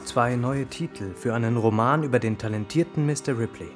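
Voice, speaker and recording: A man's voice: medium pitch, brisk, soft background music, natural voice. An actor playing a probing, direct male phantom companion, a trickster, in a radio drama. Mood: knowing.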